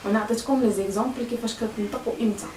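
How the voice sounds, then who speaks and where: A woman's voice: on the high side, steady tone, rapid-fire, a little hiss or hum. A woman with a Moroccan Arabic accent, teaching French pronunciation to learners in a hesitant way, with many fillers and repeated words. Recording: echoey room, voice a bit far from mic.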